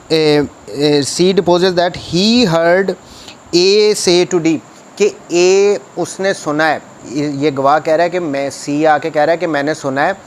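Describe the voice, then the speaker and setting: Here the lecturer's voice is a little high, with a faint hiss or hum underneath. He is a man with a Pakistani accent explaining the law didactically, going through statutes, paraphrasing them, and repeating the main points for emphasis.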